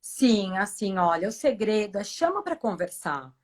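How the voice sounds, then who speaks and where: A woman's voice: medium pitch, very animated, measured pace, a little mellow. A Brazilian woman, a professional condominium manager, giving emphatic, persuasive advice in a live-streamed interview. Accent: Brazilian Portuguese.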